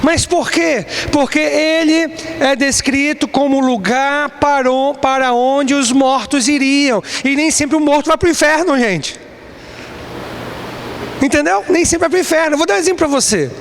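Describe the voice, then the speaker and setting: Man, very high voice, Bible class lecture, asks and answers his own questions, long reverb. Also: unhurried, creaky. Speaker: Bible teacher. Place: church classroom. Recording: long reverb, faint background noise.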